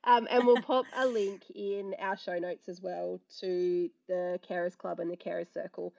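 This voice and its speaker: A woman, husky and hoarse from illness, chatting casually as a podcast host. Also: on the low side, steady tone, normal speed, a little mellow. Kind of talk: casual chat.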